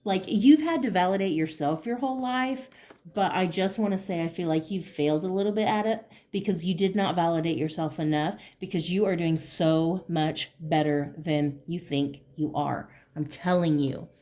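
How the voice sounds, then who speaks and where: A low, warm female voice delivers a pick-a-card tarot reading straight to the viewer. She is emphatic and excitable, hyping the listener up with encouragement and casual cussing.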